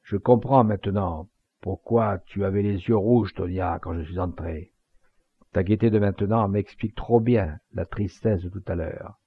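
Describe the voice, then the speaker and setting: A man's voice: deep voice, moderate pace, breathy edge, dry recording. A man voicing a proud, jealous young gendarme, in an aggrieved, stiff way, in a slightly muffled home recording. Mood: angry.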